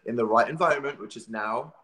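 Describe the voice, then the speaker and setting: A man's voice: medium pitch, fast talker, a bit bright, roomy sound. A man co-hosting a live stream, chatting casually with playful, sarcastic banter.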